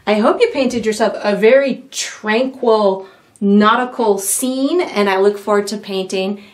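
A woman's voice: medium pitch, unhurried. Cheerful middle-aged woman painting instructor. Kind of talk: friendly tutorial intro and outro. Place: indoor painting studio with dark backdrop.

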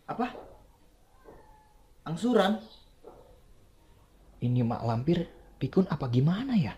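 A man's voice: on the high side, sing-song, slow pace, mellow, reverberant, muffled recording. A young man playing a sly, nervous debtor in a comedy skit, hesitant. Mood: muttering, worried. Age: young adult. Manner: hesitant, stammering, muttering. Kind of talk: comedy skit acting, colloquial. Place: indoors, in a house.

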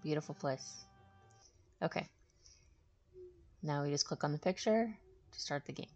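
A woman with a low-pitched voice hosts a video game walkthrough, giving informal commentary and explaining things as she goes. She sounds expressive and keeps a measured pace, with soft music in the background.

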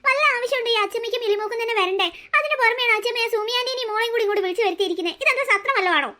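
A woman's voice: very high voice, racing, bright, forceful tone. A woman voicing a bold, clever young girl in a cartoon story, an indignant and protective big sister. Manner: indignant, plotting. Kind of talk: cartoon voice acting.

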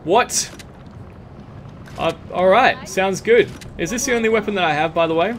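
A man commentating while he plays a video game, excitable and jokey, often laughing and shouting at the game. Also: sits high, normal speed, a little hiss or hum. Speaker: gaming video host. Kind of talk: let's play commentary. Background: game music and gunfire.

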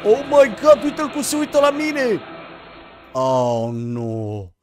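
A young man giving excited gameplay commentary, talking straight to viewers and swinging from hushed murmurs to sudden yelps. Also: high-pitched. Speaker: gaming YouTuber. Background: game music.

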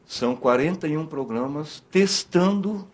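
Cooking at the counter of an indoor studio kitchen set, a Brazilian Portuguese-accented man in his fifties hosts a casual cooking show. His voice sits on the high side, animated yet unhurried, as he jokes, rambles, and cuts himself off mid-thought.

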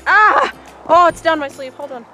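A young woman hosting a casual vlog outdoors in the snow, giggly and excitable, filmed on a camera by a friend. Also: fairly high pitch, moderate pace, faint music behind. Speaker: vlogger host.

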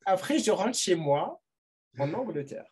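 A middle-aged man telling a personal story as a podcast guest, animated and full of restarts and repeated words. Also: sits high, a little slow, breathy edge. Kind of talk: casual storytelling.

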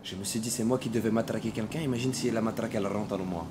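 A man's voice: lowish voice, rapid-fire, noisy background. A man streaming game role-play, telling stories in a mock-formal, joking way. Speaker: streamer playing a character.

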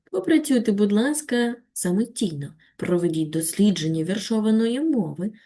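A woman with a Ukrainian accent teaching a children's reading lesson on video, reciting a poem slowly and expressively, then patiently guiding the class. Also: on the low side. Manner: slow, expressive poetry recitation. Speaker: primary school teacher.

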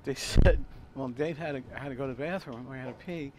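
A cooking show host, an older man, speaks fairly quickly in a medium-pitched voice while grilling outdoors. He rambles through a long story, chatty, laughing often, and repeating words. The recording is noisy, with outdoor ambience and traffic going by.

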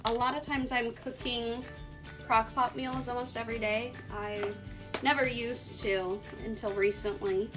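A woman's voice: a little high, measured pace, over loud music. Chatty woman cooking in her kitchen. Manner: friendly, chatty, relaxed with fillers. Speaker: youth club membership coordinator hosting a cooking video. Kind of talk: casual home cooking demo. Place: home kitchen, indoors. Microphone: phone camera held by her son.

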